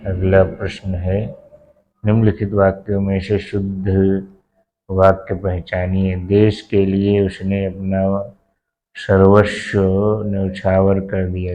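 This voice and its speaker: A man teaching an exam-prep lesson, reading out each question and answer in a slow, methodical way and repeating every answer word by word. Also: deep voice, mellow. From India.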